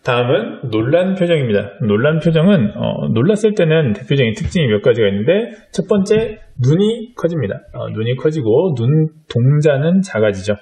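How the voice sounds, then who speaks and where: A man's voice: a little high, very animated, moderate pace, few pauses, warm tone, breathy edge. A middle-aged man teaching a drawing lesson to young children, explaining patiently step by step with frequent fillers. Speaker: art teacher.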